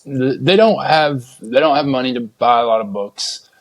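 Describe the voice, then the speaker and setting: A man chats casually as a podcast host. His voice is medium in pitch, and the sound is dry, with no room echo. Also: moderate pace. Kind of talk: casual chat.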